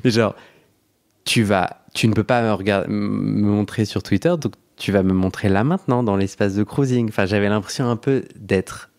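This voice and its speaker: A man's voice: on the low side, fairly even intonation, normal speed, a little mellow. A young man hosting a podcast, telling a story in a chatty way, laughing often and restarting his sentences. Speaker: podcast host. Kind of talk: casual storytelling chat.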